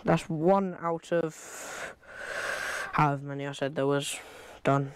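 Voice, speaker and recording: A man's voice: on the high side, fairly even intonation, slow, smooth, no echo. A young man from England chatting casually to camera as he works in a cluttered wooden shed, recorded on a clip-on lapel mic, rambling as he goes. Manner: chatty, rambling, talks while working with hands. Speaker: fishing vlogger. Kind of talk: casual vlog commentary.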